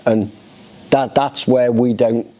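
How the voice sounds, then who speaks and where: A man's voice: mid-range voice, fairly even intonation, slow pace, dark tone. A middle-aged man with a British accent, talking conversationally about his own experience in an interview. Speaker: charity resident being interviewed. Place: indoor lounge, seated in an armchair.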